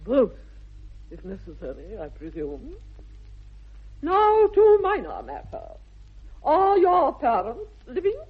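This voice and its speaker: A woman's voice: high-pitched, huge pitch swings, slow, pauses often, husky, heavily acted. An actress playing a formidable, snobbish older aristocratic lady with an upper-class English accent in a British radio comedy of the 1960s, haughty and theatrical. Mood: haughty, interrogating. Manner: imperious, haughty, theatrical swooping delivery. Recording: dull vintage radio recording.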